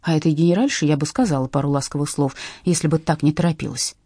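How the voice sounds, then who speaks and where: A woman reading a cool, sharp-tongued young woman who cuts others short. Her voice is husky and darkish, in a dry, close recording. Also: low-pitched, fast talker, no echo. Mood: impatient. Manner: cool and impatient.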